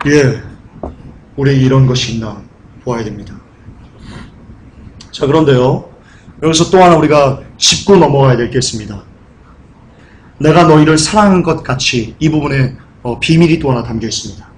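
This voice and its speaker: A man preaching a sermon in a church, asking the congregation questions and rising into high, pleading cries. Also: expressive, normal speed, long pauses, slight background noise. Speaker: pastor. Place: church sanctuary.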